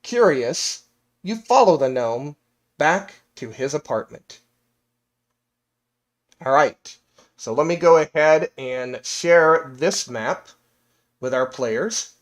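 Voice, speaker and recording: A man's voice: a little high, animated. Man narrating a fantasy tabletop game. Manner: descriptive, measured scene-setting. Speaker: game master.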